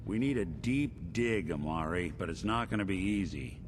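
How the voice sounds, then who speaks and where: A man playing a world-weary but soft-hearted robot detective in a video game, talking in dry, familiar noir slang. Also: deep voice, expressive, moderate pace. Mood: businesslike. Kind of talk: video game character acting. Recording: clear background noise, game ambience.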